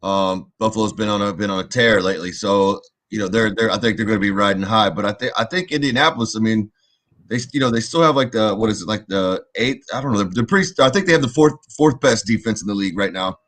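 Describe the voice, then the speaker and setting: A man co-hosting a sports podcast, giving casual, halting football analysis and repeating words as he thinks. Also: on the low side, fairly bright tone.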